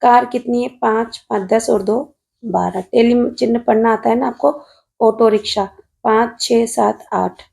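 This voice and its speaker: A woman's voice: a little high, fairly even intonation, unhurried, gravelly, darkish tone. A woman math teacher with a Rajasthani Hindi accent, patiently solving an exam paper on video while writing at a desk and calling her students "beta".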